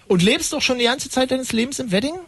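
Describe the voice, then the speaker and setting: A man's voice: extremely high pitch, animated, fast talker, vocal fry, fairly bright tone, husky, dry recording. A man hosting a call-in radio show, talking in an ironic, rambling, mock-pompous way. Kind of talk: late-night call-in radio banter.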